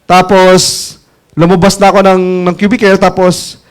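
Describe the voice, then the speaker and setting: A man's voice: sits high, monotone, moderate pace, clear, resonant tone. A man telling a story to an audience in a chatty way, laughing often. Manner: chatty, laughs often, asks listeners "alam mo yung ganun?". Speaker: network marketing mentor telling a story. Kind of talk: casual storytelling talk to an audience.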